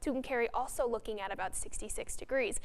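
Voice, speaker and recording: A woman, presenting the weather and co-hosting a local morning news show in an upbeat way. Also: on the high side. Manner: upbeat, fast-talking. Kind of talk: morning news and casual co-host chat.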